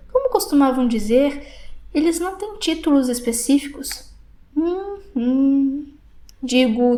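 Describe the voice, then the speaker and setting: Brazilian woman, high-pitched, measured reflective audiobook narrator. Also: dark tone. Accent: Brazilian Portuguese. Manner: measured, reflective first-person reading.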